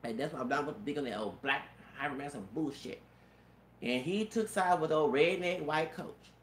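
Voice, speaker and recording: A man in his thirties, his voice pitched on the high side and sounding feminine, tells a rambling personal story at normal speed. He keeps stammering and restarting, curses, and often says "you know what I'm saying." The recording has a roomy echo and faint background noise.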